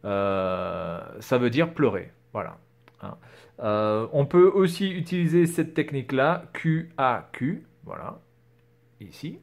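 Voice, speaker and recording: A man's voice: mid-range voice, slow pace, creaky. Hesitant man explaining casually. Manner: hesitant, many fillers and "voilà". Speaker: vlogger.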